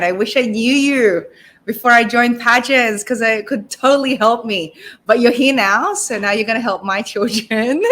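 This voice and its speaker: A woman's voice: medium pitch, fairly bright tone. A woman co-hosting a talk show, introducing the guest and asking questions in an enthusiastic, upbeat way. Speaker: co-host.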